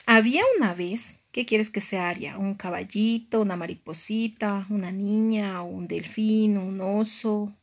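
A woman improvising a fairy tale for a child in a gentle, sing-song manner, repeating words for emphasis. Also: mid-range voice, steady tone, measured pace, few pauses. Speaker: storyteller. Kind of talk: improvised bedtime storytelling with a child.

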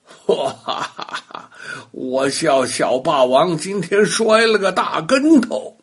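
A man's voice: fairly high pitch, big pitch swings, slow pace, husky, exaggerated voice. An older man voicing a giant living tumbler toy that teases and scolds a boy with a chuckle. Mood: laughing. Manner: chuckling, mocking. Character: giant laughing tumbler toy, teasing and wise.

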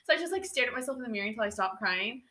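Chatty young woman, bright and roomy. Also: a little high, expressive, rapid-fire. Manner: chatty, many fillers like "like". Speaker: podcast host. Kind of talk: casual storytelling chat. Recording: roomy echo.

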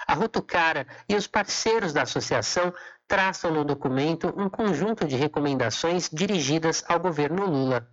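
A man's voice: a little high, expressive, normal speed. A Brazilian man reading a scripted radio news report as an announcer. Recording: slightly dull, lo-fi audio.

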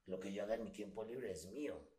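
Man, Mexico City accent, very low voice, slangy storyteller, echoey room. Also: fast talker, dark tone. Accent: Mexico City Spanish. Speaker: guest actor. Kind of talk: casual podcast chat.

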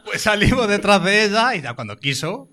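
Dry-humoured man with a bright voice. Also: sits high, fairly quick. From Spain. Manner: dry, deadpan, laconic. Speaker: local police officer, audience guest. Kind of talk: telling an anecdote on stage. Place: stage at a live comedy show.

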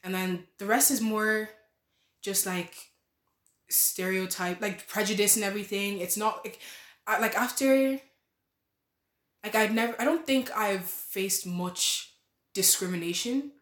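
An eighteen-year-old nursing student, guesting on a podcast, talks in a casual interview chat with a medium-pitched, slightly slow voice and long pauses. She rambles, restarts often, and laughs softly. The recording has a roomy echo.

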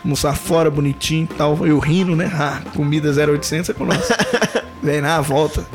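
Male guest, Belo Horizonte accent, fairly high voice, animated laughing storyteller, light music underneath. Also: brisk. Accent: Belo Horizonte, Minas Gerais. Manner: animated, laughing storyteller who acts out dialogue. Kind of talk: casual podcast chat.

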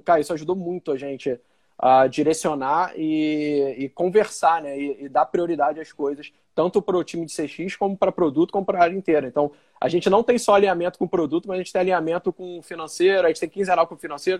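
A man with a Brazilian Portuguese accent and a fairly high-pitched voice talks as a guest in a casual interview. He explains things informally, with plenty of slang. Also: a little mellow. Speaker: guest, customer experience director.

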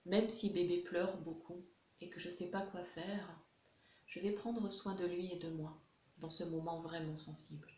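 A woman guiding an EFT tapping session in a gentle, soothing way. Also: fairly low pitch, steady tone. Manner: gentle, slow, soothing guidance. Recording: echoey room with faint hiss.

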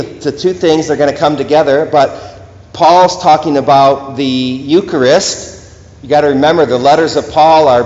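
An earnest priest preaches a homily, pressing his points home with steady emphasis. His voice rings through a large church with a long, roomy echo. The recording sounds dull and lo-fi. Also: mid-range voice. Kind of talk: sermon. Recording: echoey church hall, dull lo-fi.

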